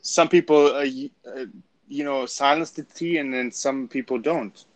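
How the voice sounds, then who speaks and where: Man from Germany, casual chat, friendly, halting, dry sound, mid pitch. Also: steady tone, dry recording.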